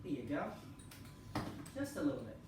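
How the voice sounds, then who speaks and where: A man rambles casually through a tour of his pianos at home, repeating himself and filling pauses with ums. He sounds set back from the mic in a strongly echoing room, with noise audible behind him. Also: fairly high pitch, wildly swooping pitch. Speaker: piano vlogger. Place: room in a house. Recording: echoey room, far from the mic.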